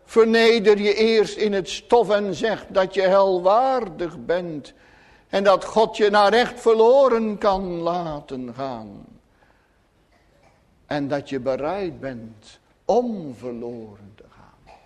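A man's voice: high-pitched, lively intonation, slow, a little mellow, voice pushed up. A man voicing a sly, scheming devil who tempts and mocks churchgoers. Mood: mocking. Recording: long church reverb.

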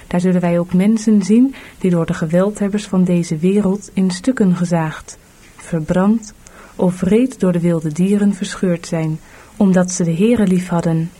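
A woman's voice: lowish voice, a little slow, warm tone. A woman voicing a weary, burdened male pilgrim in a storybook audiobook, earnest and plain.

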